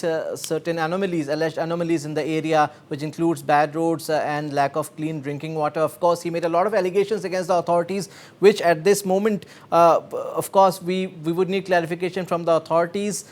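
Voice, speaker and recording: A man hosting a TV news show, interviewing a guest and wrapping up in a measured way, switching between Hindi and English. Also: fairly high pitch.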